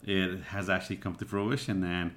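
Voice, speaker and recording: A man hosting a relaxed podcast, speaking with a somewhat low voice. He talks in a loose, reflective way and keeps filling gaps with "you know". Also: moderate pace. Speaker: podcast host. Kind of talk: casual podcast chat.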